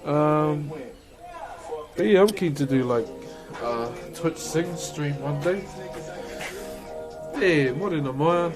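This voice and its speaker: Over music, a man with a broad New Zealand accent and a fairly high voice chats as a live streamer, answering viewers slowly with frequent pauses. He's laid-back and matey, scattering "bro" and "eh" through his talk.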